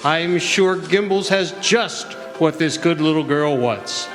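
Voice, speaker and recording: A man's voice: on the high side, slow pace. A man playing a kindly, jolly old Santa with a reassuring manner, acting in a radio drama. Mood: generous. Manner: jovial, chuckling, gently reassuring. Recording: echoey hall stage, music behind.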